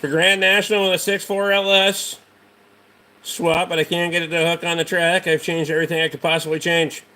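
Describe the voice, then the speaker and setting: Blunt Rhode Island man, slightly high-pitched. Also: level tone, fairly quick, pushed and bright. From Rhode Island, United States. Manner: blunt, heavily profane, dismissive. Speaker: livestream host. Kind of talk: casual livestream chat answering viewers.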